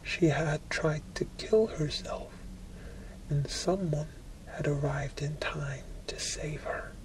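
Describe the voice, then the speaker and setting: A person reading a book aloud for ASMR in a soft, breathy whisper, with deliberate phrasing and frequent pauses. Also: medium pitch, fairly even intonation, low-quality recording. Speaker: ASMR reader.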